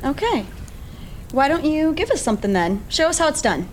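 A woman's voice: high-pitched, very animated, normal speed, slight background noise, rough recording. A young woman playing a bold, teasing teenage city girl in a naturalistic drama. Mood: confident.

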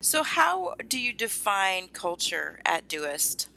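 A woman's voice: mid-range voice, very animated, slow, creaky, pushed and bright, slight background noise, poor audio. A woman hosting a podcast, delivering introductions and interview questions in a polished, presenterly way. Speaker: podcast host.

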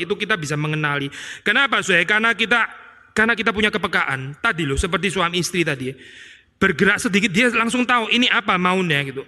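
Bright-voiced male preacher in a reverberant hall. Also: high voice. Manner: conversational preaching with frequent "ya" and "saudara" tags. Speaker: pastor. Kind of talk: expository sermon.

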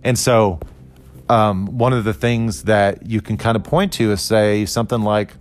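A man in his forties talks through a philosophy lesson in a low, unhurried voice, thinking aloud with small restarts and fillers. A faint musical bed sits under the talk. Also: faint music behind. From Costa Rica. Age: 40s. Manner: thoughtful, conversational, with fillers and restarts. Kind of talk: explanatory lecture on philosophy.

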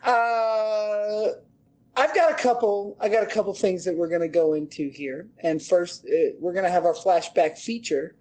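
A man's voice: high voice, moderate pace, darkish tone. A man co-hosting a podcast in casual chat, easygoing, prompting his co-host with questions and laughing along.

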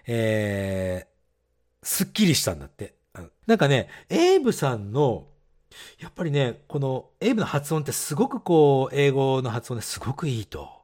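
A man's voice: mid-range voice, sing-song, normal speed, darkish tone. A man co-hosting a casual podcast, reading listener letters, laughing often and explaining English phrases. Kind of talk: casual bilingual chat.

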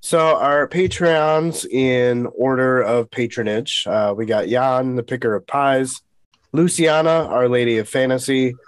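A man's voice: medium pitch, steady tone, unhurried, smooth, no room sound. A man co-hosts a casual book chat, easygoing and jokey, drifting through asides and fillers. His voice sits mid-range and sounds close and dry, with no room around it. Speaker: podcast co-host.

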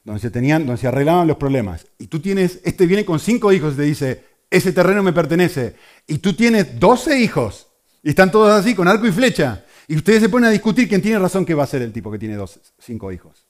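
Lively man preaching a sermon. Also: a little high, fairly quick. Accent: Argentine Spanish. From Argentina. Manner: animated, asks the audience questions.

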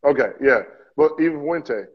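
A man's voice: on the high side, animated, moderate pace, slightly rough. A man in casual chat, agreeing easily and filling his talk with "like" and "um". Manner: agreeable, fillers like "like" and "um". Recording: dull, muffled sound.

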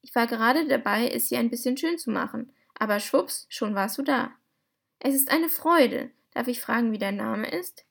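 A woman voicing a small, excitable bald male inventor who talks in an effusive, polite way. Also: on the high side, normal speed, vocal fry, breathy edge, full character voice. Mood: overjoyed.

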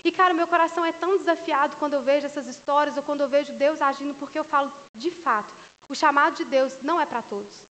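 A woman with a high voice preaching a sermon at a church service. She speaks in a relaxed, joking, conversational way. Her voice carries a long reverb from the large hall around her. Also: quick pace.

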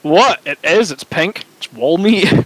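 A young man co-hosting a casual stream chat, joking, swearing and playful. His voice sits high and swings about a lot. It is recorded close and dry. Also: lively intonation, unhurried, a bit bright, no room sound, poor audio. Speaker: podcast co-host.

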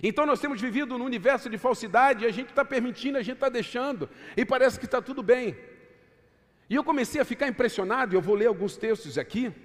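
A man preaching in a church with a notably high voice. His delivery moves between loud, emphatic declarations and hushed low-pitched asides. The sound rings with a long hall reverb. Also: animated, fast talker. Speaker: pastor. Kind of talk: sermon.

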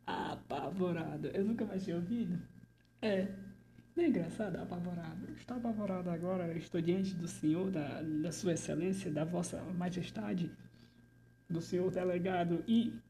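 A woman's voice: fairly low pitch, normal speed, dark tone, a little hiss or hum, natural voice. A woman playing a frightened male artist under interrogation, who stammers nervously and slips into whispers in a theatrical monologue. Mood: anxious.

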